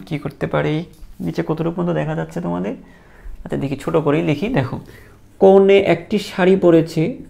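A man teaching a biology class, patiently quizzing students and repeating terms slowly so they can echo them. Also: fairly high pitch, gravelly, darkish tone. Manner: patient, encouraging. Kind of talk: classroom lecture.

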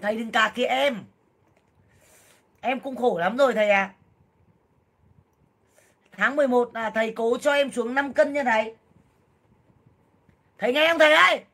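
Woman in her 30s yakking on a livestream, loud and blunt, lots of exclaiming, voice sits kinda high. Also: fairly even intonation, moderate pace, pauses often. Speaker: livestream seller and vlogger. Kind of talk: casual livestream chat with viewers.

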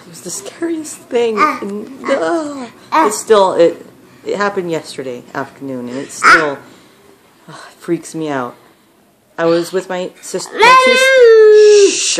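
A young woman telling a story to camera at home, rambling with lots of fillers and animated retellings. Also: fairly low pitch. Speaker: vlogger. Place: at home, child nearby. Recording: noisy home recording with clicks.

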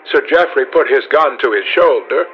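A man reading a classic novel aloud as an audiobook narrator, in a measured, even storytelling manner. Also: medium pitch, muffled recording.

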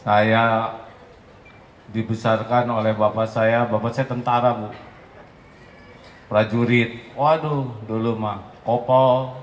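Man preaching gently. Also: steady tone, slow pace, long pauses, dull audio. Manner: gentle, storytelling, acts out mothers in a shrill voice. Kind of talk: sermon answering a question. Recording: echoey hall with faint noise.

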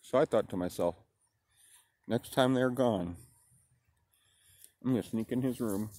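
A man in his fifties from the United States, slowly reminiscing in a rambling way that keeps circling back with "anyway", talking with a pipe in his mouth. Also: medium pitch, a little mellow. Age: 50s. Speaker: pipe-smoking vlogger. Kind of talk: casual reminiscing monologue.

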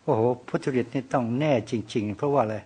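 A man's voice: mid-range voice, fast talker, darkish tone, husky. A man, an ordained monk, eagerly asking his teacher questions.

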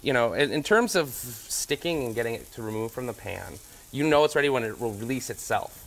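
A man in his thirties, a chef guest, walking through a fish recipe in a relaxed, explaining way with fillers. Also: medium pitch, brisk, creaky. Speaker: chef and cookbook author guest. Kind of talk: cooking demonstration on morning TV. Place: TV studio kitchen set. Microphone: lapel mic.

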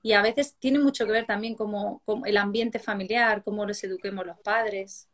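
A woman, hosting a casual chat interview, telling anecdotes in a chatty, animated way. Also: mid-range voice, moderate pace. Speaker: host. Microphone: video call.

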